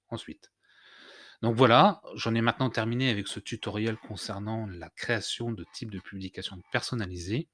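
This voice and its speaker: Male tutorial host, low-pitched, halting delivery with fillers, dry close-miked sound. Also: no room sound. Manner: hesitant, many "heu" fillers and restarts. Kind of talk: screen-recorded software tutorial.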